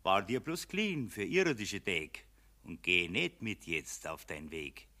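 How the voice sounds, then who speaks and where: A man's voice: low voice, very animated, slow pace, heavily acted. A man playing a bossy, mocking spirit of Money in a Bavarian dialect verse play, taunting and theatrical. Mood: gloating menace. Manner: taunting, theatrical, swooping from shouts to hushed menace.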